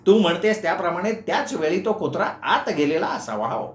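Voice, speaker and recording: A man's voice: high-pitched, expressive, a little fast, voice pushed up. A male storyteller voicing a stubborn middle-aged uncle who insists he is right, in an echoey room. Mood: defensive. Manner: insistent, self-assured.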